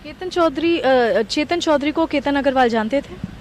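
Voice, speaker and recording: A woman's voice: high-pitched, moderate pace, slight background noise. A woman TV news reporter asking probing questions in an earnest manner, with small hesitations.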